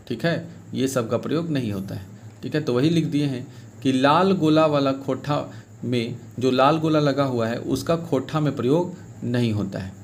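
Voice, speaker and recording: A man's voice: a little high, darkish tone, slight background noise. A man teaching an exam-prep grammar lesson, explaining step by step and repeating key points, now and then saying sample phrases in a local dialect.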